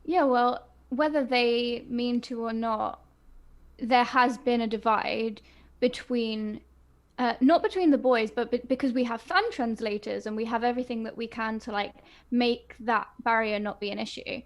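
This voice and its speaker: This podcast co-host speaks at a normal speed with a fairly high, steady voice. She gushes enthusiastically about the fandom on a casual fan podcast, dropping in frequent fillers.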